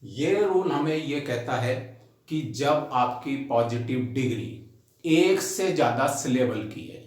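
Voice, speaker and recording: Male grammar tutor, slow and methodical, spells words out, very echoey room. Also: mid-range voice, expressive. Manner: slow and deliberate, spells words out letter by letter and repeats each rule; addresses the class directly as students. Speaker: English grammar teacher. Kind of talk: recorded grammar lesson.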